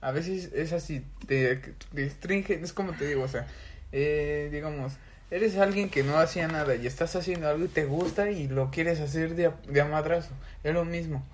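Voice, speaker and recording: A man's voice: on the high side, normal speed, a little hiss or hum. A young man with a Mexican Spanish accent, a podcast co-host talking in a casual, slangy way and swearing often. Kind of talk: casual chat.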